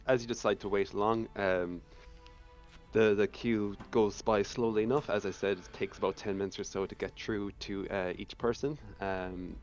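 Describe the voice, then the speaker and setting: A deep-voiced man narrates a tabletop game as game master, stopping for ums and uhs. The audio is a little dull, with soft music playing behind. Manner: halting, many ums and uhs.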